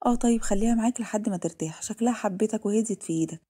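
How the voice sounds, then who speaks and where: A woman with an Egyptian Arabic accent voicing a kind, chatty nurse in a told story, warm and reassuring. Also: medium pitch, rapid-fire, pitched above the performer's own voice, natural voice.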